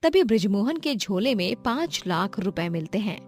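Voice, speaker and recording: A woman's voice: mid-range voice, big pitch swings, moderate pace, a little mellow. A woman reading scripted narration as the storyteller of a moral story.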